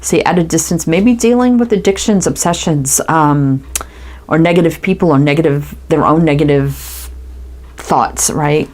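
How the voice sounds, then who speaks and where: A woman's voice: deep voice, moderate pace, darkish tone. A woman giving a casual tarot reading, musing aloud and tagging her thoughts with "right?". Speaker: tarot reader.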